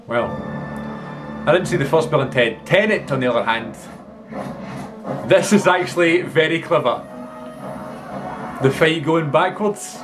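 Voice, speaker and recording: A man's voice: fairly high pitch, unhurried, pauses often, over music. A young man giving casual, off-the-cuff reaction commentary in a room at home, as a video host. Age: young adult. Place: small furnished room at home.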